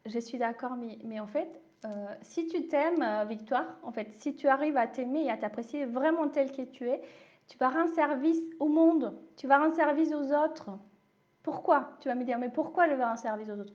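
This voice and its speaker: A woman's voice: high-pitched, normal speed, a little mellow, highs cut off. A woman speaking French with a slight accent, giving a live coaching talk and answering viewers by name in a reassuring way. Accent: non-native French accent. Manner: reassuring, repeats "d'accord?", addresses viewers by name. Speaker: life coach and shamanism speaker.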